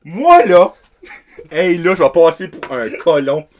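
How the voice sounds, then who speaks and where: A man's voice: on the high side, very animated, slow pace. Joking podcast host man. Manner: joking, self-deprecating, chatty. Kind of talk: casual chat.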